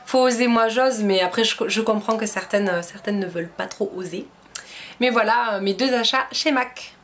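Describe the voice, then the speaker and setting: A woman's voice: medium pitch, normal speed, a bit bright, slight background noise. Chatty young French woman vlogger. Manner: chatty and enthusiastic, many fillers. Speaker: beauty vlogger. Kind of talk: casual haul chat to camera.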